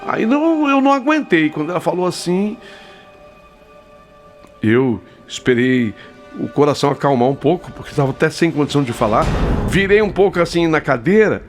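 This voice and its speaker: A man narrates a spooky first-person story in a fairly high voice that swings widely in pitch. He builds suspense with frequent pauses. Clear music plays beneath his telling. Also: animated. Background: background music.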